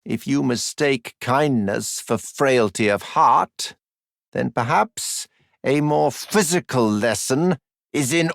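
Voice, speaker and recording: A man voicing a condescending, smoothly sinister masked mentor in a dark fantasy game, with mock-sympathetic, theatrical, deliberately drawn-out phrasing. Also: medium pitch, no room sound, clean studio sound. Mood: cold menace.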